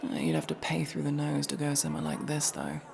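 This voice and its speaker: Voicing the same wry masked elf rogue, guarded and sardonic, the performer talks casually to the listener in an ASMR roleplay, dropping hesitant asides. The delivery is sing-song, medium-pitched, creaky, and a little fast, with music, crowd noise, and other background sound.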